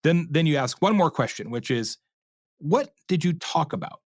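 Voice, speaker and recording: On the high side and at a moderate pace, a man's voice comes through clean studio audio with no echo. He's an expert interview guest who explains things conversationally, animatedly acting out imagined customer quotes and checking in with "right?"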